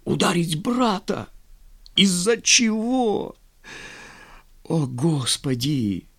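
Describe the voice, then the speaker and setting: A man's voice: a little high, big pitch swings, drawn-out words, gravelly, pitched above the performer's own voice, heavily acted. A man reading a story, voicing a sober brother who lectures in a level way. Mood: lecturing.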